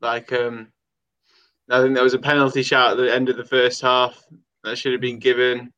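A man's voice: mid-range voice, level tone, normal speed, bright, forceful tone, clear, resonant tone. A young man calling into a football show, chatting casually in an easygoing, slightly tentative way. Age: young adult. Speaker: fan caller on a football show. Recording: dull lo-fi call audio.

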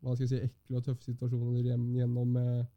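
A man in his twenties, a football goalkeeper, answering interview questions in a calm, measured way with many fillers. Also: medium pitch. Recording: dull lo-fi sound.

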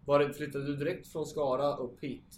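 A man's voice: fairly high pitch, little pitch movement, a little mellow. A man hosting a casual chat, speaking in a hesitant, jocular way. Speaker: interview host. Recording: roomy echo with faint background noise.

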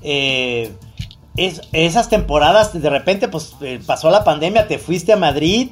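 A woman's voice: low-pitched, lively intonation, unhurried, slightly rough. A woman talking casually, phrasing her thoughts in a hesitant, roundabout way. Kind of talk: casual conversation.

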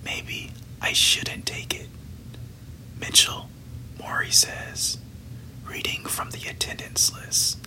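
A podcast host reading a novel aloud entirely in a hushed, unvoiced whisper, delivering the passages evenly. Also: low-quality recording. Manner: slow, hushed, even delivery of book passages.

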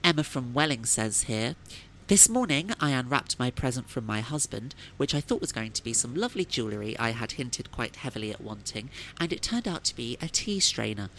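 An animated voice with faint noise behind it , acted by a woman. She is a polite, gushing female radio presenter in a comedy parody, sweeping up and down as she talks. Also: extremely low pitch, brisk, heavily acted, poor audio. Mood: brisk, polite.

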